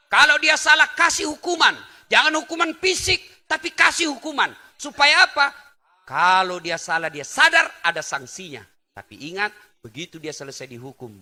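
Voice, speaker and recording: A middle-aged man from Indonesia delivering a lively sermon, swinging between loud exclamations and soft asides. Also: very high-pitched, normal speed. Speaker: preacher. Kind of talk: lively sermon to a live audience.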